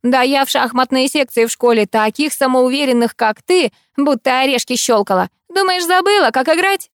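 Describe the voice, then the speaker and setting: A woman's voice: high-pitched, moderate pace, dry recording, clean studio sound, voice pushed up. Woman playing a feisty scolding older woman. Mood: indignant. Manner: loud, scolding.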